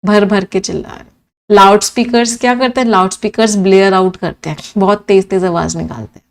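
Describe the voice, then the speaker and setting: A woman's voice: mid-range voice, fairly even intonation, brisk. Lady teacher going over english words for exams, asks then answers herself, repeats meanings a lot. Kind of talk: exam-prep vocabulary lesson in Hindi-English mix.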